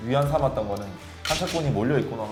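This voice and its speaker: A man's voice: medium pitch, racing. A man, a former army sergeant on a panel, talking in a clipped Korean military style. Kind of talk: group review talk with military-style introduction. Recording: roomy sound with music behind.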